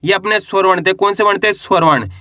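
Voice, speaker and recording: A man teaching the Hindi alphabet, asking the learner to repeat each sound and drawing the syllables out slowly. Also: sits high, pushed and bright, no room sound, studio quality. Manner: stretches vowels and syllables in drawn-out teaching pronunciation. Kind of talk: alphabet lesson with call-and-response drills.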